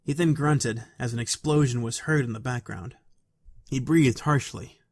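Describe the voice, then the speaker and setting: Soft-spoken man reading a story. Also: medium pitch, normal speed, breathy edge, no echo, clean studio sound. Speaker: narrator. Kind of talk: reading a fan story aloud.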